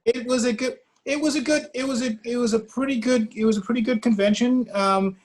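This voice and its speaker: A man speaking as a columnist guest on a comedy panel over a remote video call, wry and deliberate with a self-mocking deadpan. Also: very high-pitched.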